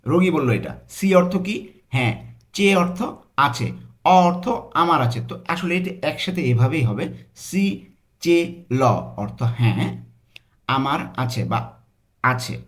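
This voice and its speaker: A man with a Bangladeshi accent teaching a language lesson, saying example phrases slowly and breaking them into parts. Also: a little high, animated. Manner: slow, drawn-out pronunciation of example phrases.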